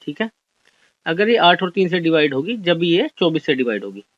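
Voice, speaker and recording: Young male maths tutor, high-pitched, explains step by step and answers his own questions, dry close recording. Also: very animated, normal speed, no echo. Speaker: maths teacher. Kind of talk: exam-solution maths lesson. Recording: dry, dull lo-fi audio.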